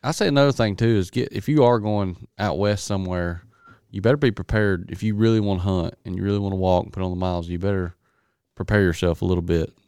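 A man with a Southern US accent talks in a low, resonant voice. His chat is casual, colloquial and laid-back. The sound is close and dry. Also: fairly even intonation, fast, few pauses, darkish tone, smooth, no echo.

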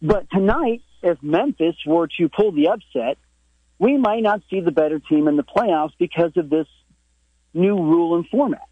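High-pitched, husky-voiced man calling in by phone, dull lo-fi line, halting debater. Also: animated, no echo. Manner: halting, repeats words as he argues. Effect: over the phone. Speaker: sports radio guest. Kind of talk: sports debate on call-in radio.

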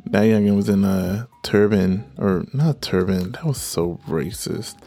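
Low-pitched, playful man chatting slowly. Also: dark tone, faint music behind. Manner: playful, rambling, slangy. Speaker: podcast host. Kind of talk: casual solo podcast chat.

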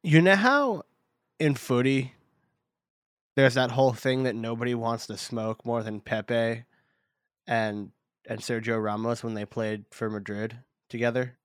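A young man hosting a casual sports podcast, excitable, jumping high in pitch when he jokes. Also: a little slow, clear, resonant tone, dry recording, studio quality. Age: young adult. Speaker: podcast host. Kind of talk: casual chat.

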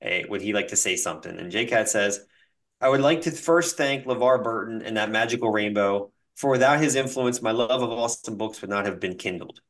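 A man's voice: on the low side, brisk. A man hosting a casual podcast, reading listener comments aloud and reeling off long lists with laughs. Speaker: podcast host.

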